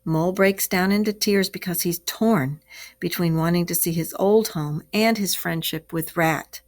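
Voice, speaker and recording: Reading a story to a class of children, a teacher with a lowish female voice speaks at a normal pace. She explains the tale expressively and poses questions to her pupils.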